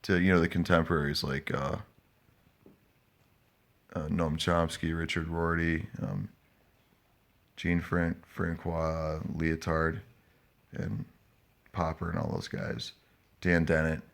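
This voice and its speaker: A man chatting casually to live viewers in a stoned, hazy, halting, rambling manner. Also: very deep voice, level tone, gravelly. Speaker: live-streaming vlogger.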